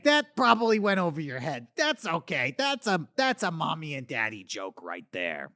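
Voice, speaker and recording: Man doing a gravelly, slurring has-been alien star; slow, rambling, pitch jumping all over, dry close mic. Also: bright, forceful tone, no echo, full character voice. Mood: boastful. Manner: rambling, slurry, swings between boasting and muttering. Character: washed-up male 80s alien puppet star, boozy and bitter. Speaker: talk show host character. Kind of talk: comedic character monologue.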